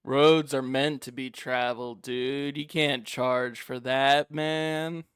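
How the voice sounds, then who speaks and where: A man's voice: mid-range voice, fairly even intonation, slow pace, fairly bright tone, clean tone, no room sound, clean studio sound. A man playing a laid-back traveler in a tabletop game, drawling and tacking "dude" onto his lines. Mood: indignant. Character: laid-back surfer-ish male traveler who says dude. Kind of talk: tabletop role-play.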